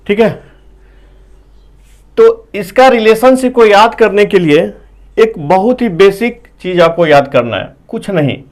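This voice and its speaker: A man's voice: high voice, lively intonation. A man teaching a whiteboard math lesson, explaining step by step, asking his students questions and saying "okay" between points. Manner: explains slowly, asks the class questions.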